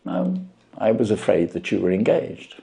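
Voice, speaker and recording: Man reading as Watson, hesitant and mellow. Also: lowish voice, big pitch swings, normal speed, creaky. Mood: polite, hesitant. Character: polite, modest gentleman doctor, the detective's loyal friend.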